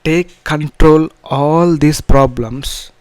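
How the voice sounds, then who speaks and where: A man with a Telugu accent teaching an informal programming tutorial, in halting, repetitive phrases with restarts. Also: on the high side, clean tone, dry recording. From south India. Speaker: programming instructor.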